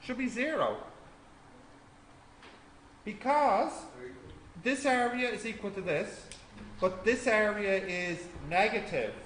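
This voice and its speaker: Male maths tutor, high voice, step-by-step and questioning; echoey room, faint noise. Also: takes it slowly, long pauses, fairly bright tone. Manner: explains step by step, asks the class questions. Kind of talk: classroom tutorial. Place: classroom.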